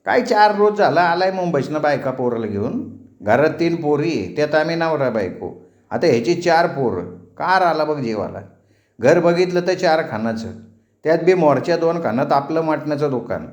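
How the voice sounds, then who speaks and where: A talkative middle-aged village butcher, put on by a male storyteller, gossiping in rustic dialect. The voice sits a little above middle pitch. The echoey room carries every word. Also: animated, natural voice. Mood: chatty. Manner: chatty, rustic village dialect, quick banter.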